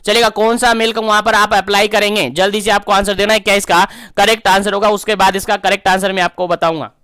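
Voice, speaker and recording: A man's voice: high-pitched, flat delivery, fast talker, sharp tone, clean tone, dry recording, studio quality. A young man teaching an online nursing exam-prep class, emphatic, repeating key answers back as quiz questions.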